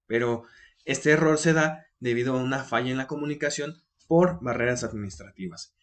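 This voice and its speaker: A man's voice: mid-range voice, normal speed. A man teaching a recorded online business class, explaining in a conversational way with fillers and frequent restarts.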